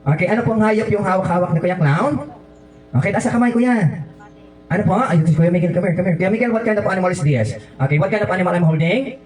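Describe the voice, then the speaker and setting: A man's voice: high voice, fast talker, darkish tone. A man hosting a children's birthday party as a clown, running guessing games in a playful, teasing way. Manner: playful and teasing, mixing English and Filipino. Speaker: party host dressed as a clown. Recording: echoey room, mic far off.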